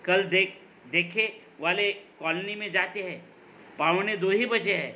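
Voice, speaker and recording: A man reading aloud the lines of a rough male burglar who barks threats and orders. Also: high voice, takes it slowly, sharp tone, a little hiss or hum, full character voice. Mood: gruff. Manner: gruff commands in Hindi-mixed speech.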